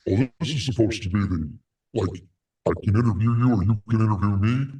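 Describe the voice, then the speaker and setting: A jokey male mystery guest with a disguised deep voice, run through a voice changer by an older man. He sits low in pitch and sounds a little off-mic. His talk stays playful and chatty. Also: a little fast, mellow, distant mic. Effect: voice changer making his voice deeper.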